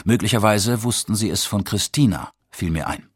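A man narrating a first-person audiobook in a measured, steady storytelling manner. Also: fairly low pitch, husky, dry recording, studio quality.

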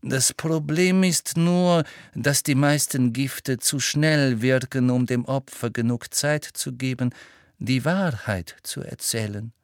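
A man voicing a cold, sneering male teacher who speaks in a smooth, sardonic drawl. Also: medium pitch, takes it slowly, dry recording, clean studio sound.

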